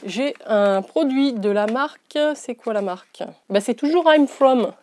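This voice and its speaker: Chatty woman with a mellow, raised voice. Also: a little high, lively intonation, unhurried, a little hiss or hum. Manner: chatty and rambling, many hesitations. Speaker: beauty vlogger. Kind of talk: casual unboxing chat.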